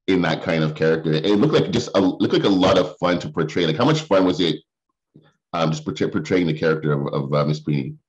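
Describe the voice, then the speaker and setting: A man's voice: very deep voice, fast talker. A man interviewing actors in a casual way, asking long questions with many restarts and fillers. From Barbadian family, raised in Canada. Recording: dull lo-fi sound.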